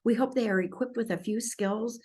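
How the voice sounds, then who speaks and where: A woman's voice: fairly high pitch, a little fast, a little mellow, husky. Earnest woman presenting, many ums. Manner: earnest, frequent ums and restarts. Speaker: nonprofit youth program presenter. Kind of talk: conference presentation.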